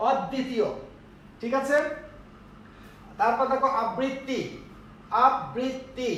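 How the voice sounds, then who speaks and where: A man's voice: extremely high pitch, fairly bright tone, a little hiss or hum. A male teacher giving a classroom lecture on pronunciation, explaining step by step and often checking that students follow. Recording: echoey room, voice from far off.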